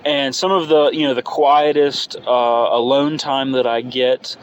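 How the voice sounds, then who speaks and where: A man's voice: mid-range voice, fairly even intonation, a little slow, dull audio. Young man rambling casually over background noise. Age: early 20s. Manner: rambling, hesitant, thinking aloud. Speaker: podcast host. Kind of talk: unscripted casual solo podcast monologue. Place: inside a parked car. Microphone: phone microphone. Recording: noisy car-interior phone recording.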